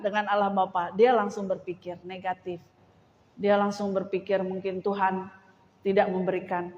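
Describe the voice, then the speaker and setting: A woman pastor preaching a sermon in a lively way, often acting out the voices she quotes. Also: medium pitch. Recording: dull recording with long hall reverb.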